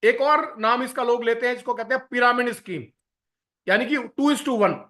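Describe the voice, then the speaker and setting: A man with a very high, bright voice leads a business seminar. He explains each term in turn, pausing on fillers and slipping English phrases into his talk. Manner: explanatory, lists terms, frequent filler pauses, mixes English phrases.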